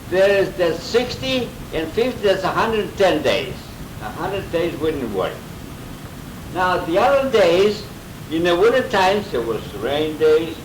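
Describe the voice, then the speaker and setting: A Greek grandfather in his eighties, interviewed at home for a casual oral history, tells about his childhood in a rambling way, chuckling and restarting often. His voice is a little high, recorded from a distance with a roomy sound and background noise.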